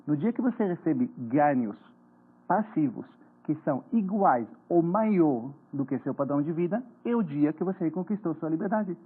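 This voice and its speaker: A fairly high, husky voice comes from an Israeli man in his forties, a finance author appearing as a TV interview guest. His manner is earnest, explanatory and slightly halting, his accent Israeli, and the sound is tinny and phone-like.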